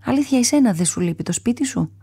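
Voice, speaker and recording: A woman voicing a small, brave young male sewer mouse in a storybook, speaking eagerly and earnestly in a higher voice. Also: animated, breathy edge, no room sound, clean studio sound, exaggerated voice. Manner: eager, earnest, higher and brighter than her narration. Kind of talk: storybook character voice.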